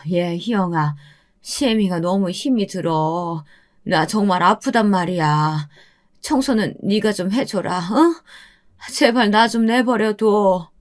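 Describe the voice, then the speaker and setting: A woman voicing a frail mother-in-law in her early sixties who talks slowly, pleading and scolding, in a storybook radio drama. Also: mid-range voice, lightly acted. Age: 60s. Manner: slow, pleading, then scolding.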